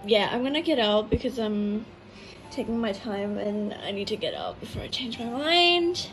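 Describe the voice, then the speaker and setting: A woman's voice: mid-range voice, sing-song, normal speed, noisy background. Chatty tired young woman vlogging. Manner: chatty, rambling, self-mocking. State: tired from an all-nighter. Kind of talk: casual vlog chat to camera. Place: small bedroom indoors. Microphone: phone camera at arm's length.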